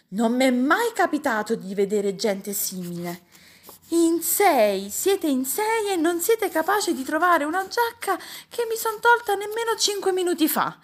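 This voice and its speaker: A woman's voice: mid-range voice, very animated, measured pace. A woman voicing a fussy, bossy middle-aged uncle who barks orders at his household in a storybook reading. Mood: exasperated. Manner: loud, raised, exasperated barking of orders. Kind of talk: audiobook character voice.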